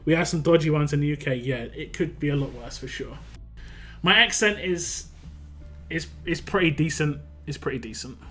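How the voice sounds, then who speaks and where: Fairly bright and on the high side, this young man's voice carries a West London accent as he chats casually during a game stream. He talks fast, rambling with many restarts and fillers, while soft music plays behind.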